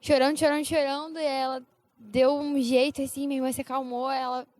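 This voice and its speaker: A woman's voice: sits high, flat delivery, brisk, a little mellow. A woman on a casual podcast chat, talking reflectively and searching for her words. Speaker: podcast co-host.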